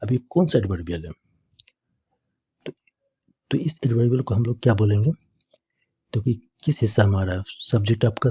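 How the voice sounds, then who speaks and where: A man's voice: on the low side, slightly rough, no room sound, highs cut off. A man teaching English grammar, explaining it step by step and answering his own questions to the class. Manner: repeats questions to students and answers them himself.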